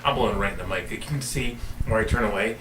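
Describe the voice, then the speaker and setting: A man's voice: fairly low pitch, quick pace, very noisy. A young man hosting a casual late-night chat, goofy and jokey, with hiccups. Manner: jokey, goofy, laughs often. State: has hiccups. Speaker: podcast host.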